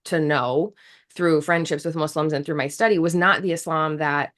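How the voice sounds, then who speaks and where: An American woman in her thirties, a native English speaker, is a guest in a casual interview, talking earnestly and reflectively and often restarting her sentences. Her voice sits low with a fairly bright tone, and she speaks at a normal speed with fairly even intonation.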